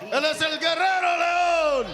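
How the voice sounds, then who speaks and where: A man doing theatrical, drawn-out lucha libre ring announcing, shouted out to an arena. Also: extremely high pitch, over a noisy crowd.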